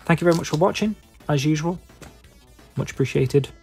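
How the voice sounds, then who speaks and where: A man's voice: a little high, a little fast, gravelly, a little mellow, slightly rough, soft background music. A man with a Stoke-on-Trent English accent chatting casually to his viewers, rambling in a hesitant, self-deprecating way with lots of filler phrases. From England. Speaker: YouTube video maker and podcaster.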